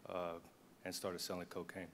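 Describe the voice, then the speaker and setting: A man's voice: sits low, completely flat delivery, normal speed, fairly bright tone, a little hiss or hum. A man in his thirties telling his life story as a panel guest, in a matter-of-fact way. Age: 30s.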